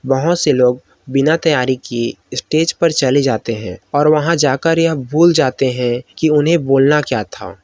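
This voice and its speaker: A man's voice: mid-range voice, no room sound. Man narrating speaking tips, dry sound. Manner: steady instructive voice-over. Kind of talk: scripted narration.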